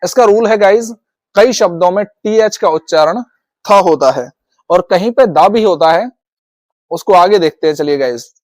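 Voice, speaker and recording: A man with an Indian accent runs a video lesson on English pronunciation. His voice sits high and the sound is dry and close, with no room around it. He often calls his viewers "guys" and repeats each rule as he goes. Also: lively intonation, moderate pace, a little mellow, dry recording. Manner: repetitive, addresses viewers as guys. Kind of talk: classroom-style video lesson.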